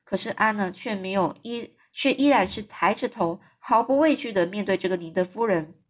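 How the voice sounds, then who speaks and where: A woman storyteller who retells a classic novel in her own loose words rather than reading it out. She rambles, pauses on fillers and backs up to correct herself, in an even middle voice. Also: mid-range voice.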